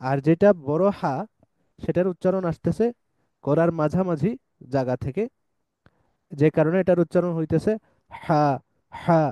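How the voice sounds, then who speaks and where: A man teaches Quranic pronunciation patiently, repeating each sound slowly. His voice is smooth, mellow and a little high. The recording is dry and close. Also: no echo. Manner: patient, models sounds slowly and recites verses in drawn-out chant. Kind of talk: explanatory lesson.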